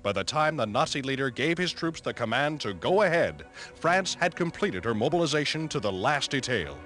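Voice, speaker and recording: An old newsreel narration by a man, delivered in a dramatic, emphatic announcer style. His voice swoops up and down with great expression, and a clear music score plays underneath him. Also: mid-range voice, sing-song, normal speed, a bit bright.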